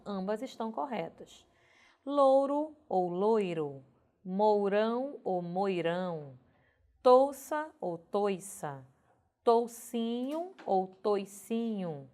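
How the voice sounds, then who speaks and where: A Brazilian Portuguese woman teaching a grammar lesson, spelling words out slowly and checking in with "ok?" after each point. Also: fairly high pitch. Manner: slow, deliberate, spells out words and repeats "ok?".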